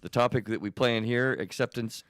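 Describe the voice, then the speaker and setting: A man hosting a casual podcast, animated and laughing easily, with rambling restarts. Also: medium pitch, brisk, no echo, studio quality. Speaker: podcast host.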